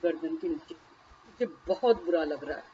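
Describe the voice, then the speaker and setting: A woman's voice: low voice, animated, moderate pace, warm tone, muffled recording, a little hiss or hum. A woman leading a guided tapping session, naming each body point and then speaking a short first-person phrase for the listener to repeat.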